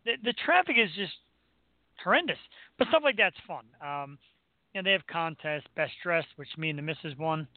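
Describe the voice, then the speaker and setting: High-pitched American man hosting casual chat. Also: lively intonation, normal speed, dry recording, phone-quality sound. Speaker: talk show host.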